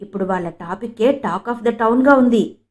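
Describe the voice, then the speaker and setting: A woman's voice: fairly high pitch, moderate pace, close to an everyday voice. A woman voicing a gossiping young female coworker in an audiobook. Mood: gossipy.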